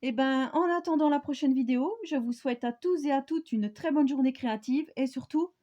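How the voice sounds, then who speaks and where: Woman chatting about her craft haul at home, kinda high, soft mellow tone, lots of ums. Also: a little fast, dull audio. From France. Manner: chatty, hesitant with many fillers. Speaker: crafting vlogger. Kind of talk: casual product haul.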